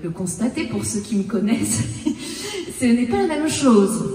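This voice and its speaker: A woman performing a comic stage monologue, telling her story haltingly and acting out her own lines of dialogue. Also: a little high, big pitch swings, warm tone. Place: stage in a large hall. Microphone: handheld stage mic. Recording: echoey hall, mic at a distance.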